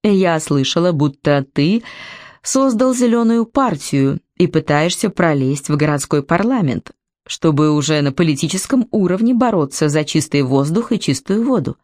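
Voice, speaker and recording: A woman's voice: low-pitched, lively intonation, moderate pace, darkish tone, dry recording, clean studio sound. A woman reading a story aloud, voicing a sarcastic, mocking young woman in a slightly raised voice. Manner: mocking, ironic.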